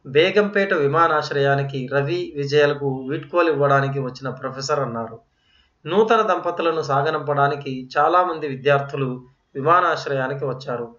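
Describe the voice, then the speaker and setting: A man reading a story aloud in a measured, clear narrating manner. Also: a little high, a bit bright, far from the mic. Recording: roomy, dull lo-fi.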